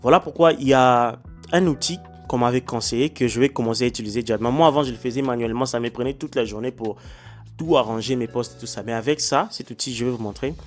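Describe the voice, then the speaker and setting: Un homme qui explique la monétisation des réseaux sociaux dans un tutoriel vidéo décontracté, avec beaucoup d'hésitations et de « ok ? » adressés au public. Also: male voice, mid-range voice, quick pace, soft background music. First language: not English, stumbles on English words. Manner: hesitant, many fillers and restarts; addresses viewers directly, repeating "ok?". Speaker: YouTuber explaining social media monetization. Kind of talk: casual tutorial vlog with screen demo. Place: indoors, lives in China.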